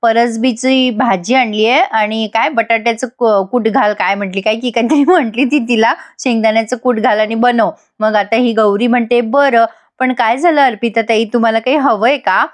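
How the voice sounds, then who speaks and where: Female voice-over host with a Marathi accent and a somewhat high voice, recapping a TV serial and acting out the characters' lines. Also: steady tone, moderate pace, hardly any pauses. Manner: retells scenes, voicing characters' quoted lines. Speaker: TV serial review narrator.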